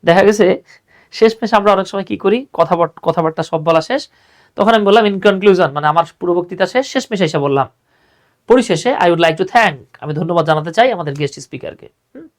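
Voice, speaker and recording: A man's voice: sits high, fast. A man with a Bangladeshi accent teaching an English exam-prep lesson, who explains patiently and repeats key phrases for his students.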